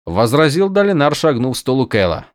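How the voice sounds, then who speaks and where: A man narrating an audiobook in an even, measured reading. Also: mid-range voice, no echo, clean studio sound. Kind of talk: scripted narration.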